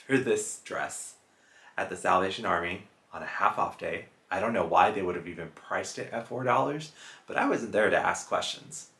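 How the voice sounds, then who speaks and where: A man in his thirties from Houston, Texas, hosts a casual reselling vlog from a small indoor room with a plain wall, framed chest-up by a fixed camera. His voice is fairly low with a sharp tone and a roomy sound. He chats upbeat to the camera and reads out his sales figures.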